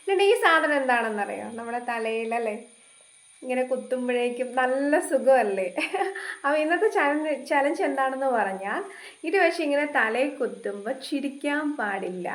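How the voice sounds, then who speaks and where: Playful high-voiced woman vlogger. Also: expressive, moderate pace. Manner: playful, giggly, coaxing. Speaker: vlogger host. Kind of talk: casual family challenge vlog. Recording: echoey room.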